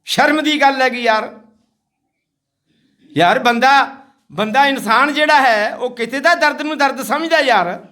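A man's voice: very high voice, a little slow, long pauses, bright, forceful tone. A man from Haryana, a social activist, giving an impassioned, scolding speech to villagers outdoors. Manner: indignant, scolding, repetitive.

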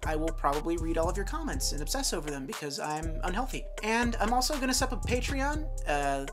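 A woman's voice: on the low side, very animated, fast, over music. A woman hosting a comedic review of an old tape, sarcastic and mock-dramatic.

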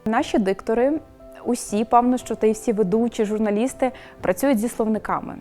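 A woman's voice: a little high, a little fast, a little mellow, soft background music. A woman, a media professional, speaking in a casual interview, hesitant with many fillers and restarts.

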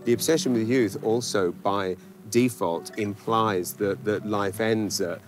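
An English man in his forties with a lowish voice, hosting an interview with eager energy and frequent warm affirmations. He is outdoors in a garden, with soft music faintly beneath him. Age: 40s. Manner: lively, enthusiastic, quick to affirm. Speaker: host and interviewer. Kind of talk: interview conversation.

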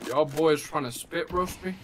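Young male gamer, fairly high voice, teasing and sarcastic. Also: moderate pace, a bit bright, a little hiss or hum. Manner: mocking, laughing teaser. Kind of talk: casual game voice chat.

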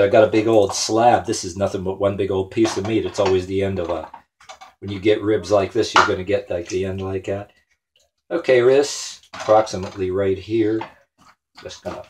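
A man's voice: sits low, fairly even intonation, normal speed, long pauses. A man hosting a home cooking show, talking casually and crudely while he cuts meat in a small kitchen, picked up by a camera on the counter. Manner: crude, joking, talks while chopping. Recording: clattering kitchen noise behind.

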